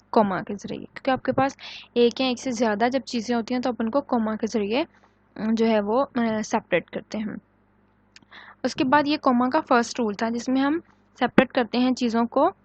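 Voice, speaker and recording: A woman teaching English grammar in a recorded online lecture, explaining in Hindi and Urdu, reading English example sentences slowly, and asking the class questions that she answers herself. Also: on the high side, darkish tone, no echo, lo-fi sound.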